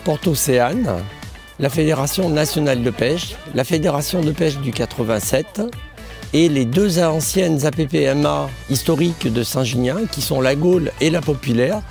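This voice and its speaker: A man with a hoarse, gravelly, broken voice from losing it, giving an explanatory presentation for a fishing federation. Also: on the high side, moderate pace, darkish tone, faint music behind.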